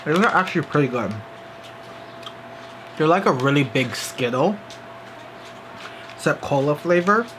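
Young American guy talking while chewing through a relaxed candy taste-test, chatty and loose, with steady background noise. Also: on the high side, measured pace, long pauses. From United States. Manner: chatty, easygoing, filler-heavy. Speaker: vlogger. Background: TV playing in another room.

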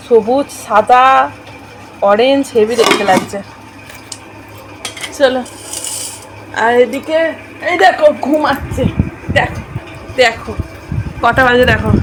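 High-voiced chatty woman vlogger. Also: noisy background. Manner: chatty, addresses viewers as friends. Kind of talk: casual home vlog chat.

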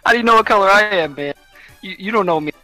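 Young man, gaming streamer, casual voice chat, crude teasing banter, high-ish voice, very lively. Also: quick pace, soft background music. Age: young adult.

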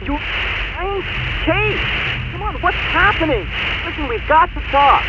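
A man's voice: extremely high pitch, lively intonation, a little slow. An actor voicing a pushy, pleading man who is heard over a breaking-up phone call in a game. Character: insistent adult man calling, pleading to talk. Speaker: caller. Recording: crackly muffled phone line, loud hiss.

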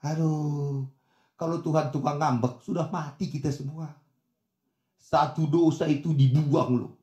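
A middle-aged male pastor preaching a lively sermon, acting out the voices in his stories and swinging from soft asides to shouts. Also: fairly high pitch, measured pace, echoey room. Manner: animated, acts out voices of others in dialogue, swings from soft to shouting.

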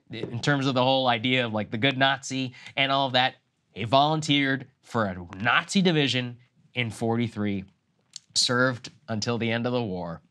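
Male political co-host, bright tone, blunt and emphatic, heated commentary. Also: clean tone. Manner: blunt, emphatic, swells in pitch when indignant. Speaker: political talk show co-host.

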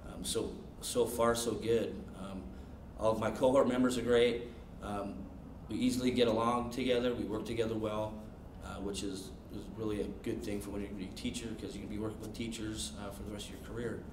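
A man in his thirties, a substitute teacher and coach, giving steady interview answers with many pauses. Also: on the low side. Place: classroom, indoors. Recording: distant echoey classroom with noise.

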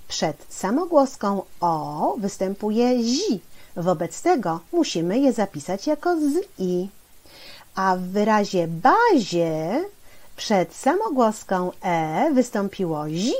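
A woman teacher giving a slow, deliberate spelling lesson for children, spelling out syllables and pausing with hesitation fillers. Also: medium pitch, darkish tone.

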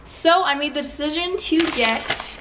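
A woman's voice: high voice, a little slow, very noisy. A young woman filming a casual eating vlog at home, talking candidly with lots of fillers between bites. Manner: chatty, filler-heavy, candid. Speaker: YouTuber. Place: at home, indoors.

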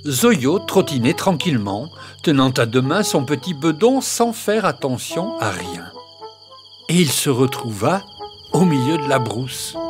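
A man narrating a children's tale in an expressive storytelling manner. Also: a little high.

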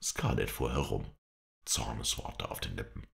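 A man narrating an audiobook in an expressive, measured storytelling manner. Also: extremely low pitch, gravelly. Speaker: audiobook reader. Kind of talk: scripted narration.

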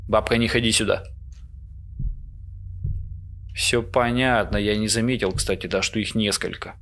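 Nervous low-voiced man playing a horror game. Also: fairly even intonation, brisk, fairly bright tone, a little hiss or hum. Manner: nervous, jittery, muttering to himself. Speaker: gamer, let's play host. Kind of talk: casual horror game commentary. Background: horror game ambience.

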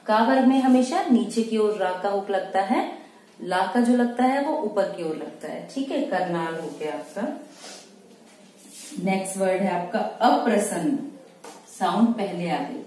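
A woman teaching shorthand step by step, patiently repeating each word slowly as she writes it. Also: medium pitch, animated, dark tone. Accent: Indian Hindi. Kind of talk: step-by-step tutorial explanation. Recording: distant mic in a very echoey room with faint noise.

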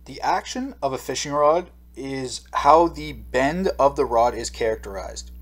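Unhurried and medium in pitch, a man narrates a slideshow fishing lesson as the instructor, recorded as a voice-over. He reads steadily to explain each point, now and then adding an um or uh.

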